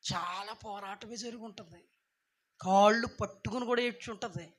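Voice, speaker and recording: A woman preaching a sermon, who swings from quiet talk to loud, impassioned pleading as she acts out the scripture. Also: mid-range voice, moderate pace, breathy edge. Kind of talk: Telugu sermon retelling scripture with acted voices.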